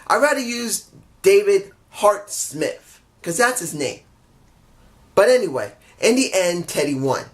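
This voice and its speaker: His voice is high-pitched and very animated but a little slow. Stuffed up and sick, the wrestling reviewer rambles on his own in a casual review, keeps correcting and apologizing for mix-ups, and grumbles in frustrated asides.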